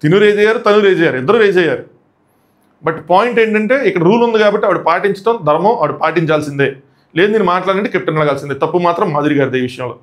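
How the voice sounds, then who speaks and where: A man giving live commentary on a reality show, retelling events animatedly and acting out what people said. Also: high-pitched. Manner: rapid animated retelling that acts out quotes.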